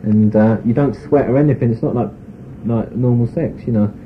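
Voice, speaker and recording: A man's voice: mid-range voice, normal speed. A man, giving a frank, rambling personal account in an interview, full of "you know" and "sort of". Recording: tinny phone-like tape recording with faint hiss.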